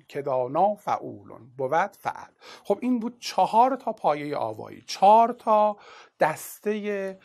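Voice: medium pitch, darkish tone. Teacher explaining step by step. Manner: explains step by step, asking rhetorical questions; casual, colloquial teaching talk. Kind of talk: exam-prep literature lesson.

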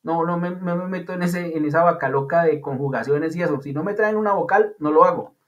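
A man's voice: fairly high pitch, a little fast, natural voice. A man voicing the letter Y as a stubborn, fussy character who grumbles indignantly during an online class. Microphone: video call. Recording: dull lo-fi online call audio.

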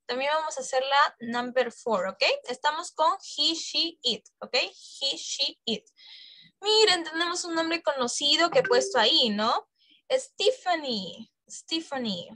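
High-voiced teacher, dry sound. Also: female voice, a little slow, pushed and bright, no echo. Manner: coaxing, checks in with frequent questions. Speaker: English teacher. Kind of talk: online exam-prep class.

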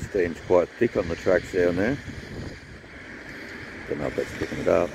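A laid-back man with a low voice chats to his handheld camera while waiting trackside for trains. Wind and rain noise are clearly heard over the outdoor camera audio. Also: animated, normal speed. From Australia. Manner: laid-back, chatty, sings a snatch of song. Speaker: train-spotting vlogger. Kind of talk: casual outdoor commentary.

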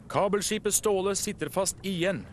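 A man's voice: sits high, voice pushed up, natural voice. A man voicing a worried harbour traffic chief who gives firm, careful instructions. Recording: music playing behind.

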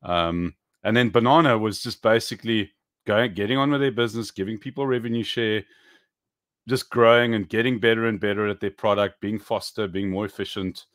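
A man in his thirties co-hosting a casual crypto chat on a video call, animated and emphatic, swearing casually. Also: on the low side, a little fast, dry recording, studio quality. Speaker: co-host. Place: home room. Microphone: webcam video call.

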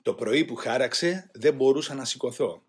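A man reading a first-person memoir aloud in a grave, measured way. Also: mid-range voice, slightly rough. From Greece. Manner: grave, measured, voicing shouted quotes louder. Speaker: audiobook reader.

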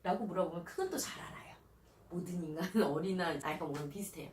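A woman child counselor giving parenting advice in an animated way, often acting out the questions she would ask a child. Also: on the low side, fast. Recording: roomy, distant mic, faint hiss.

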